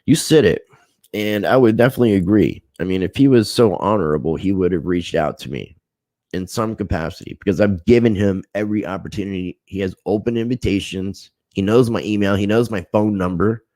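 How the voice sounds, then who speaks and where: A man's voice: deep voice, fairly quick, dark tone, no room sound, studio quality. A man hosting a casual livestream, reading viewer comments, thanking people by name and airing a grievance. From United States. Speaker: livestream host.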